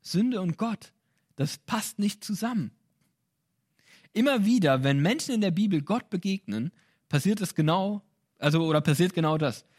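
A man delivers a sermon in a relaxed, colloquial tone, with light laughs now and then. His voice sits a little high and moves up and down a lot as he acts out the lines of the people in his story. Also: moderate pace. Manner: lively, animated storytelling with acted-out quotes. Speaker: preacher.

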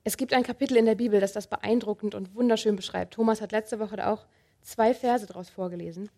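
A woman preaching a sermon, speaking calmly and earnestly and addressing the listener directly. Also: medium pitch, fairly quick. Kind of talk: sermon with Bible reading.

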